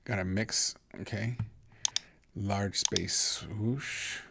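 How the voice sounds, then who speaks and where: A man's voice: on the low side, steady tone, very slow, gravelly, noisy background. A man teaching video editing in a casual, rambling way, thinking aloud and often restarting his sentences. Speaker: instructor. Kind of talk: screen-recorded video editing tutorial.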